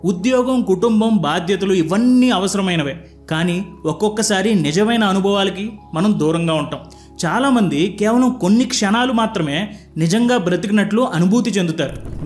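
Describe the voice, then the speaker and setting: A man reading the lines of a calm, reflective old man of eighty-four in a spoken storybook. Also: high-pitched, close to an everyday voice.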